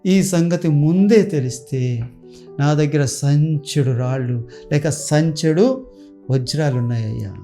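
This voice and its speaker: A man voicing a young man who regrets throwing diamonds away, speaking slowly and mournfully. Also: fairly high pitch, mellow, soft background music. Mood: lamenting.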